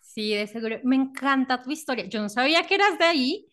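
A woman hosts a podcast in a casual interview, enthusiastic and affirming toward her guest. Her voice sits a touch above the usual pitch. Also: animated, brisk, fairly bright tone. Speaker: podcast host.

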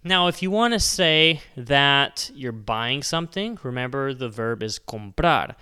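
A young man with a smooth, resonant voice in a middle register hosts a casual Spanish lesson podcast. He speaks in an upbeat, chatty way. He slows down deliberately whenever he models a Spanish phrase. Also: medium pitch, lively intonation, sharp tone. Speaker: Spanish teacher, podcast host.

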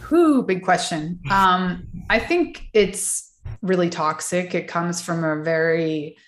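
A woman coach talks through her ideas in a relaxed podcast interview, thinking aloud with fillers and restarts. Her voice sits a little low. The room around her is echoey. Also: takes it slowly. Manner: chatty, reflective, many fillers and restarts. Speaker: wellness and mindset coach.

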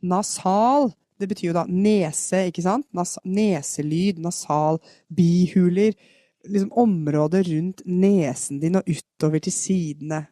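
A woman from Norway giving a chatty live podcast singing lesson, explaining technique and demonstrating vocal fry sounds. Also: lowish voice, dark tone, no echo, clean studio sound. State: has a cold. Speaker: singing teacher. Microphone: podcast microphone.

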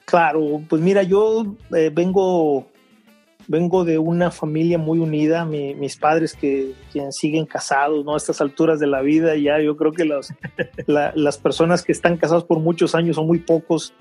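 A middle-aged man, talking through his life story as an interview guest. His voice sits a little high but sounds warm and slightly husky, with soft music faintly underneath. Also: little pitch movement. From Mexico (Veracruz). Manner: unhurried, many restarts and fillers. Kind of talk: conversational interview.

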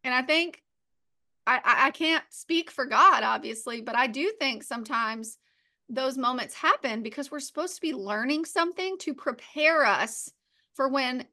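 A woman co-hosting a faith-based business podcast, talking in a chatty, animated way, full of "like" and "right.". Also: high voice, normal speed. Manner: animated, acts out playful quotes. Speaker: podcast co-host.

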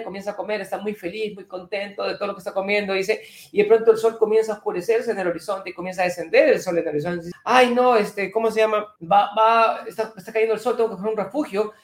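A man co-hosting a casual self-help discussion, telling stories in an animated way with frequent restarts. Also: sits high. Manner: animated storyteller, many restarts. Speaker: co-host. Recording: echoey room.

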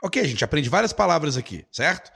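Male language teacher, emphatic, lively pitch swings, husky tone, rhetorical asides. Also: a little fast. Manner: emphatic, checks in with rhetorical questions. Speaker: English teacher. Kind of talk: online language lesson.

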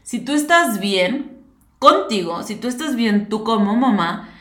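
A woman's voice: a little high, animated, a little slow, bright, forceful tone. A woman hosting a podcast, talking casually and directly to her listeners with lots of fillers. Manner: chatty, talks straight to listeners with many fillers. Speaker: podcast host. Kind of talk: casual monologue. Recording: roomy echo.

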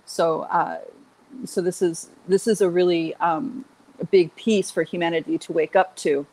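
Lower-voiced woman leading an informal spiritual livestream. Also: steady tone, unhurried, a little mellow, rough recording. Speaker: spiritual teacher leading an online group session.

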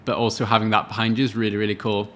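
A man's voice: on the low side, flat delivery, very fast, a bit bright. A man in his late twenties, co-hosting a podcast and telling a story in casual chat. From Wales. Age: late 20s. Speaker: podcast co-host.

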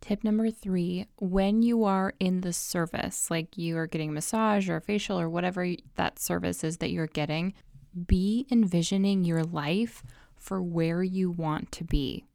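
An upbeat woman shares tidy, practical advice in a casual vlog style. Her voice sits slightly low, with noticeable vocal fry but a clean, smooth tone. She stresses her points by repeating key phrases. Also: moderate pace, darkish tone, no echo, clean studio sound. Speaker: lifestyle advice vlogger. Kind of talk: casual personal vlog giving tips.

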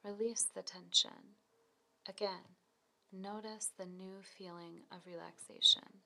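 This woman's voice has a medium pitch, and she talks through a scripted guided relaxation almost in a whisper, soft and breathy. Her directions are slow, calm and soothing, though the recording quality is poor.

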